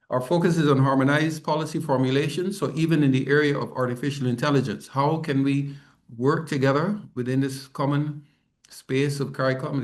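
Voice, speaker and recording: A man speaks to a conference from his office over a video call. His pitch sits in the middle for a man. He presents in a loose, conversational way, pausing on ums and correcting himself as he goes. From Barbados. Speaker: head of a regional organization giving a talk. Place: office, not the venue. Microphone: remote video call.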